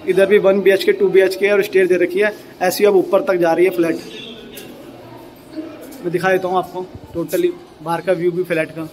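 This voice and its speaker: Guy in his 30s walking thru a building on his phone, kinda monotone, keeps repeating stuff. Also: high-pitched, normal speed, poor audio. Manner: chatty, repeats himself, points things out while walking. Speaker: property vlogger. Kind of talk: casual walkthrough vlog. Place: new apartment building, indoors and outdoors. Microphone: handheld phone at arm's length.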